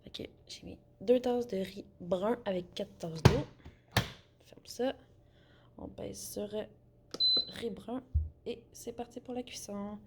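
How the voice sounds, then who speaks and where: A woman's voice: medium pitch, slow, pauses often, heavy background noise. A young woman with a Québécois French accent, chatting casually as she cooks in her home kitchen and rambles with many fillers. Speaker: vlogger. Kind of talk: casual cooking vlog narration.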